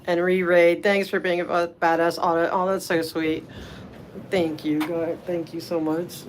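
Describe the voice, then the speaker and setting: Her voice is on the low side and flat, and she talks a little slowly as she livestreams city meetings over a noisy phone. In the hallways and elevators of a public building, she rambles, muses aloud, and thanks viewers in casual chat.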